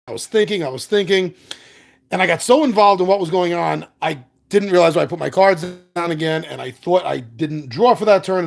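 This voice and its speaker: Guy doing a board game stream from his apartment, kinda raspy, chatty and rambly, bit winded. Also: fairly high pitch. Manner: rambling, self-deprecating, chatty with fillers. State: a little out of breath. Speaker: board game video host. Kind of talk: casual chat to a live audience.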